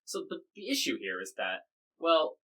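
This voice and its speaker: A man's voice: a little high, sing-song, moderate pace, a bit bright, low-quality recording. An American man hosting a podcast, covering the news in casual, wry chat full of fillers and restarts. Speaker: podcast host.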